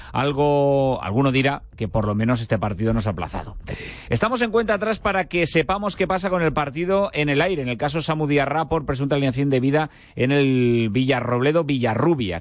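Higher-voiced Spanish male sports radio host. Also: no echo. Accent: Spain. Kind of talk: lively scripted radio presenting.

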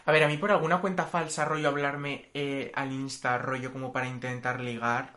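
A man's voice: mid-range voice, level tone, normal speed, bright, forceful tone. Easygoing young man. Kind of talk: casual chat.

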